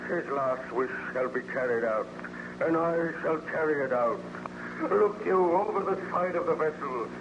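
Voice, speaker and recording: A man's voice: mid-range voice, lightly acted. An actor playing a wounded, remorseful monster in declamatory, formal 1930s radio style, bitter and grieving for his creator. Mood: solemn, resolved. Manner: declamatory, anguished, archaic formal speech. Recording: noisy, muffled old-time radio recording.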